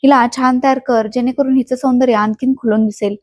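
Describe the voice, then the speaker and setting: A woman's voice: high voice, fairly even intonation, fairly quick, a little mellow, no echo. A woman voicing a scheming older woman who runs a brothel, with a mocking, domineering manner.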